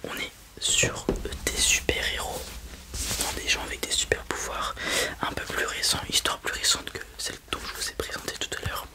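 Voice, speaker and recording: A person doing an ASMR whispered role-play as a helpful librarian, speaking in a soft, breathy library whisper. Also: normal speed. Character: helpful librarian recommending children's books to a parent.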